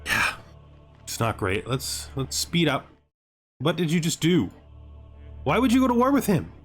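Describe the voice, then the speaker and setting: A gaming series host with a slightly high voice and huge pitch swings speaks unhurriedly, with background music behind him. He delivers casual video game commentary, thinking aloud, asking rhetorical questions, making exasperated asides and occasionally reading the game's text.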